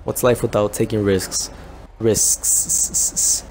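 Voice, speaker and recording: A young man giving casual, rambling commentary over a video game, chatting to viewers and breaking into excited yelps and laughs. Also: lowish voice, brisk, a little hiss or hum. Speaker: gaming YouTuber.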